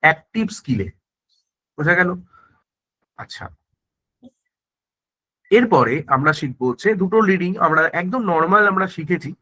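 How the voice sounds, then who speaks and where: A male teacher talks the class through exam prep, his voice high-pitched and ringing bright. he keeps checking that everyone follows, throws in tag questions and often stops to restart a word. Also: dull audio. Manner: frequent self-corrections and restarts. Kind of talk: online exam-prep grammar lesson.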